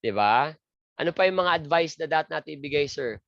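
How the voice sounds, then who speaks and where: A man's voice: on the high side, expressive, a little fast, vocal fry, no room sound. A man giving an exam review lecture, joking crudely and asking and answering his own questions. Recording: dry, muffled lo-fi lecture audio.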